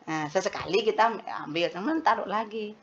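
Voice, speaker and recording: A woman's voice: medium pitch, fairly quick, highs cut off. A woman giving an explanatory parenting seminar talk to mothers. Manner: explanatory, addresses mothers as Bun. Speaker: parenting speaker.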